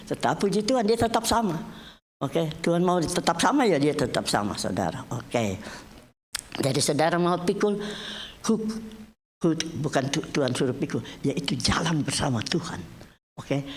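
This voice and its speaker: Chatty woman pastor preaching. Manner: chatty, swings between raised exclamations and low murmurs; addresses listeners often, mixes in English phrases. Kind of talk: conversational sermon. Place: church service.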